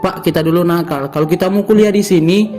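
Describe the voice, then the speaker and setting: A man's voice: high voice, fairly even intonation, quick pace, a little mellow, faint music behind. A young man with a Manado Malay accent, a guest telling his personal story in an interview. He talks in a storytelling way, acting out quoted dialogue, with frequent restarts. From North Sulawesi, Indonesia. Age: young adult. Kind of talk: personal testimony in conversation.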